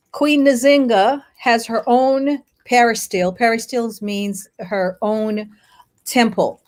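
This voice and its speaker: Here a lawyer and activist appears as a guest speaker: a middle-aged woman, Haitian-born and American-raised, with a mid-range voice. She lays out history in an interview using short, forceful phrases punctuated by pauses.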